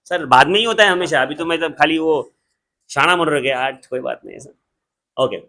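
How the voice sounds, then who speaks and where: Lively Indian man teaching accountancy. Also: fairly high pitch. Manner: lively, joking, switches between Hindi and English, slows down to dictate definitions. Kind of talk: classroom lecture.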